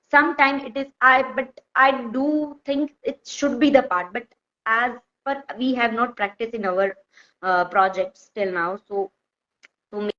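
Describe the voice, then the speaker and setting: High-voiced North Indian woman, halting explainer. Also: a bit bright. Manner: halting, repetitive phrasing with frequent self-correction. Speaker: software testing expert, guest speaker. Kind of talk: informal explanatory talk with examples. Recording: dull, lo-fi audio.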